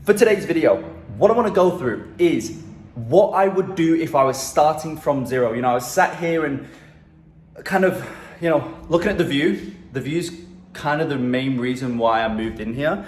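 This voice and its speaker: A man's voice: on the high side, lively intonation, moderate pace, a little mellow. A man giving casual marketing advice to camera in a phone video, talking loosely with lots of fillers and "right?" tags from a room in his new apartment. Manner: loose and chatty, many fillers like "um", "and whatnot" and "right?". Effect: phone video recording. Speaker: marketing agency coach. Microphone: handheld phone held at arm's length. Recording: echoey room on a phone mic.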